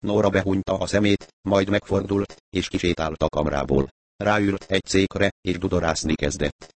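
Deep-voiced male audiobook narrator. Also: dry recording. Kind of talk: audiobook reading.

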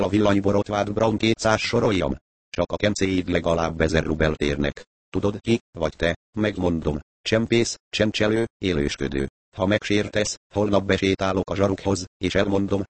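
A man's voice: deep voice, no room sound. A man reading the lines of a bold, crude young woman who taunts her partner, in a storybook reading.

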